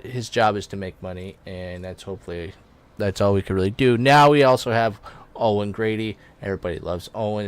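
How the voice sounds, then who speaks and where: A man's voice: on the low side, smooth, no room sound. Offhand, rambling male gamer voice. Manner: rambling and offhand, with many fillers and self-corrections. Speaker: gaming YouTuber. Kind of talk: casual let's play commentary.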